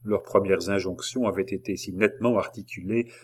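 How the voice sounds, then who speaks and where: A man narrating a novel as an audiobook in a measured, dramatic reading with occasional hesitations. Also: sits low, steady tone, breathy edge.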